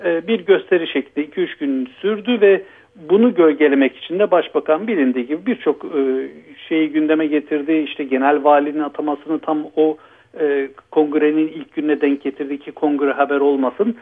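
A man calling in by phone as a guest commentator, giving measured, explanatory analysis over a phone line. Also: fairly high pitch.

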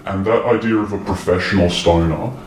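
An anonymous man from Australia speaking in a news interview, his voice disguised by pitching it down. He talks in a measured, reflective way with hesitant fillers. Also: steady tone, slight background noise. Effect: voice disguised, pitched down to sound deep.

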